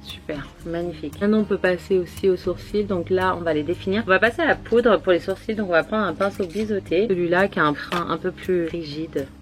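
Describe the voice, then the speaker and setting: A woman's voice: on the low side, brisk, few pauses, faint music behind. A woman giving a casual makeup tutorial, chatting straight to her viewers and speaking in an accent she is putting on. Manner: chatty, addresses viewers directly. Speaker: makeup vlogger.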